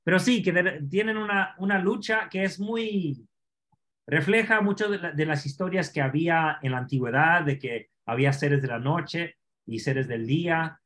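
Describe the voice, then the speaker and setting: A man teaching an online scripture class, explaining Hebrew words slowly and asking his students questions. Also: on the high side, a bit bright.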